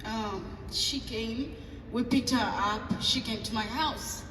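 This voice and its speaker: A woman's voice: a little high, slow, noisy background. A woman pastor with a Tanzanian accent telling a personal story at a table talk, acting out dialogue with hesitant fillers. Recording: echoey hall from far off, faint ambience.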